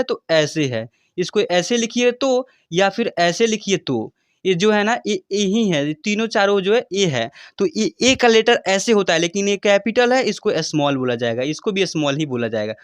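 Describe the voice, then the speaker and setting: A man's voice: high-pitched, clear, resonant tone, no echo. Patient male teacher, dry sound. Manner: slow, repetitive, checks in often with "ठीक है?"; drawn-out letter names for recitation. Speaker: English teacher. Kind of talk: basic alphabet lesson.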